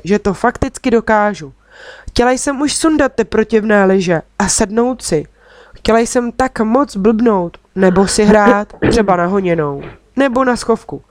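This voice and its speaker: A woman's voice: mid-range voice, darkish tone, dry recording. Woman reading a children's story, dry sound. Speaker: audiobook reader. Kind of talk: storybook narration in first person.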